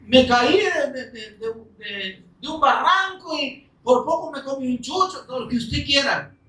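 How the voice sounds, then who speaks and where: Animated high-voiced male preacher in echoey room. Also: a little slow, far from the mic. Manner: animated preaching, swings from loud to soft, acts out complaints. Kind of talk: sermon.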